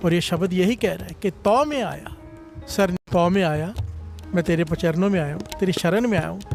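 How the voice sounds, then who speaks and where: A man's voice: high-pitched, moderate pace, vocal fry, darkish tone, soft background music. A man preaching a devotional sermon, fervently leading the congregation in call-and-response and sometimes slipping into sung phrases.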